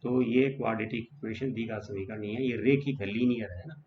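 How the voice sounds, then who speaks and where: A man's voice: fairly low pitch, steady tone, a little fast. A male math teacher explaining equations step by step in a casual classroom style, often checking in with his students. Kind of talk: whiteboard math lesson. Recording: dull lo-fi sound with faint background noise.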